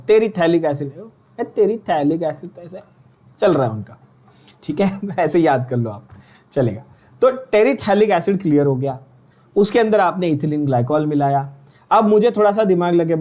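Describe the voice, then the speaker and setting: A man's voice: on the high side, darkish tone. A man with an Indian accent giving an online chemistry lecture, often asking students questions and repeating key terms with teasing scolding. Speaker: chemistry teacher.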